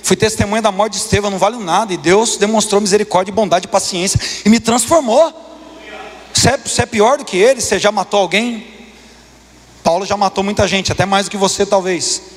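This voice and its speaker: A Brazilian man in his thirties preaching a sermon as pastor, impassioned, his voice climbing higher when he presses a point. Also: a little fast. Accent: Brazilian Portuguese. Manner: impassioned, rises in pitch when preaching hard. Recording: long hall reverb.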